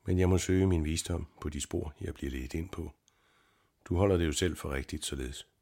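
A calm young scholar, read out by a man answers softly and reasons his way through each point in an audiobook. The voice is extremely low and husky. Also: full character voice. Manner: gentle, measured and reasoning. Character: young male scholar, calm, gentle and steady. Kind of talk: audiobook reading.

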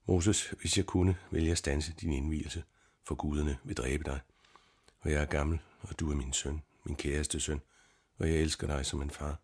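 In an audiobook, an elderly temple priest, read out by a man scolds and pleads in a voice pitched extremely low. His tone is husky and worn, and his outbursts rise in accusation. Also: fairly even intonation, a little mellow, exaggerated voice. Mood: pleading. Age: older. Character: old male Egyptian priest, proud and fiercely angry. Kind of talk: audiobook reading.

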